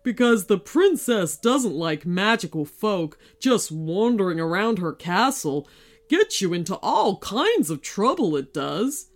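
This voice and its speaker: Woman voicing a slow, suspicious little gardener man. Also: medium pitch, sing-song. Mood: wary. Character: small old male castle gardener, suspicious.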